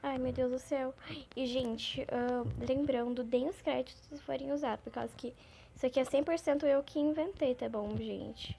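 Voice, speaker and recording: A woman hosting a gaming channel, talking through her gameplay in a chatty, rambling, excitable way. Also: sits high, moderate pace, creaky, a little hiss or hum. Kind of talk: gameplay commentary.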